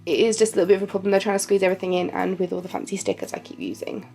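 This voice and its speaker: Racing along in an expressive, mellow yet gravelly medium-pitched voice, a woman vlogger talks through her pages with a blocked, nasal sound. She's chatty and self-deprecating, laughing lightly at herself, and faint music plays in the background.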